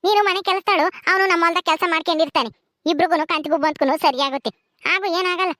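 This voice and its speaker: A woman's voice: very high voice, fast talker, no room sound, studio quality. A woman with a rural Karnataka accent plays a bossy, short-tempered mistress of a village house who nags and scolds. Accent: rural Karnataka Kannada. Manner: scolding, nagging, sharp-tongued. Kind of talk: homemade village drama.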